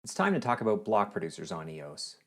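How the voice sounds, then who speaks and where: A man delivers a scripted series introduction in a measured, deliberate read. His voice sits low, with a gravelly edge running through it. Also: huge pitch swings. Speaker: series host.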